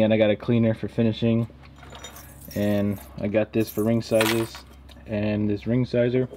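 A man's voice: medium pitch, slight background noise. Casual young man vlogging to camera. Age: young adult. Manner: relaxed, talks straight to camera with frequent "like" fillers. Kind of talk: casual vlog narration. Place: home workshop, garage and parked car.

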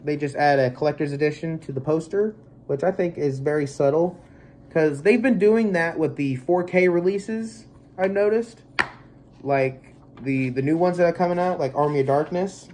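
A young man in his twenties, a movie collector vlogger, rambles easygoingly through a movie unboxing in a small bedroom, his speech full of filler words. His voice is fairly high, a little mellow, and moves at a normal speed, though allergies leave him congested. A close webcam mic picks him up.

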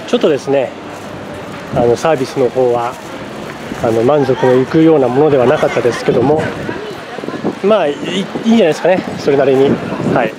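Wandering a city and eating, a man narrates his travel vlog in a mid-range voice, talking a little fast but with long pauses. He thinks aloud casually, filling his speech with fillers. Recorded on a camera mic outdoors on city streets and in a cafe, with street noise in the background.

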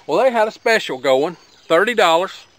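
This homesteader vlogger, a middle-aged man with an Appalachian accent, sounds animated, his high-sitting voice fairly bright and his pace moderate. Standing outside by his garden, he demonstrates something while talking in a plain, folksy, rambling style.

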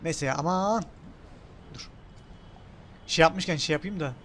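A young man casually commenting while playing a game, excitable, thinking aloud and swearing in passing. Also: on the high side, measured pace, a little hiss or hum. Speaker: gaming channel host. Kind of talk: casual let's-play commentary.

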